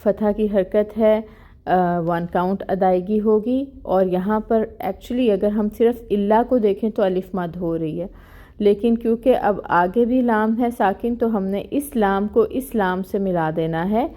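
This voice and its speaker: A woman teaching tajweed in an online lesson, explaining each rule plainly and reciting verses slowly and drawn out. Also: mid-range voice, mellow. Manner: explains rules plainly, mixing in English words.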